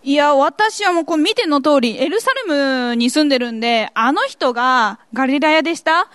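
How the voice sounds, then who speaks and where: A woman's voice: high-pitched, expressive, moderate pace, a bit bright, dry recording, clean studio sound. A woman playing a chatty, gossiping townswoman in a church skit. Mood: gossipy. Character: gossipy city-dwelling woman.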